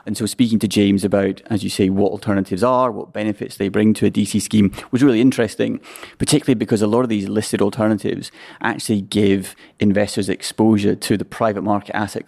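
A man's voice: fairly low pitch, gravelly, warm tone. A man co-hosting a podcast in a casual, conversational style. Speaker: podcast co-host.

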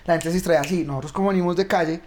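Comic, man, talks very fast, fairly high voice, playful and quick to interrupt. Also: steady tone, slight background noise. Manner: rapid, playful, jumps in often. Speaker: comedian guest. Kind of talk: casual podcast chat.

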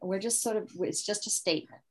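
A woman's voice: medium pitch, fairly quick, a little mellow. A woman, a mother, explaining parenting techniques in a casual interview, often acting out example phrases she would say to a child. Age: adult parent. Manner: talks through ideas with many restarts and quoted one-liners. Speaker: parenting expert guest.

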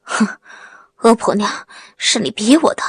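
A brash, stubborn young village man, smug and quick to bluster, read by a woman in her own high, husky voice. It's a storybook telling with a dry, close sound. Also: expressive, dry recording, exaggerated voice.

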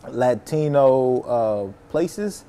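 A man's voice: medium pitch, expressive, extremely slow, dark tone. A man hosting a podcast, talking in a loose, chatty way, full of fillers and restarts. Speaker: podcast host. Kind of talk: casual interview chat.

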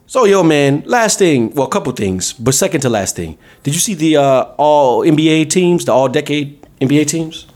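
A man hosting a podcast, talking sports in a blunt, animated casual chat. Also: a little high, moderate pace, few pauses. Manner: animated, blunt, calls listener "dog" and "man". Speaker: podcast host.

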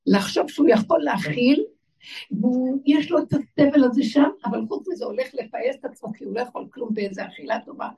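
A woman's voice: sits high, lively intonation, vocal fry, warm tone, breathy edge, distant mic, muffled recording. A woman giving a religious talk to a live audience. She asks her listeners questions and chants lists of single words. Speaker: spiritual teacher.

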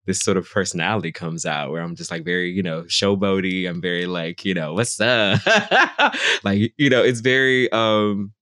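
A man's voice: low-pitched, animated, moderate pace, bright, forceful tone, no room sound, clean studio sound. A young man, a singer-songwriter guest, chatting casually in an interview and filling his talk with "like" and "you know". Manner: rambling, full of "like" and "you know" fillers.

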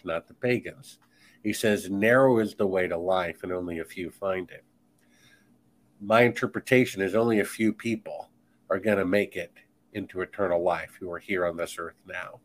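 Emphatic, preachy man on a podcast. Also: sits low. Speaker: guest author. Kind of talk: podcast conversation.

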